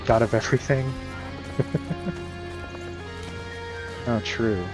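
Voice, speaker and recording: A man's voice: medium pitch, drawn-out words. A man streaming a game and chatting casually, rambling with many fillers and frequent chuckles. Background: game music.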